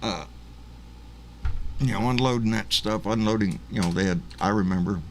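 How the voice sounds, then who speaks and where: A man's voice: on the low side, normal speed, gravelly, a little hiss or hum. A man in his late sixties chatting casually, folksy and agreeable, with chuckling asides. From born in Cuba, raised in the United States. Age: 60s. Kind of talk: casual political chat.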